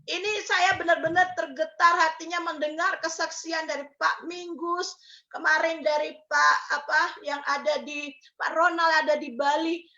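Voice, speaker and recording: High bright-voiced woman preaching. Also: level tone, normal speed, highs cut off. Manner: emphatic, asks rhetorical questions, mixes in English phrases. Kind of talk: sermon.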